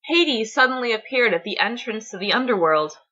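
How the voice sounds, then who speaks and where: A woman storyteller narrating a dramatic story reading in an expressive, lilting way. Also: on the high side, brisk, highs cut off, slight background noise.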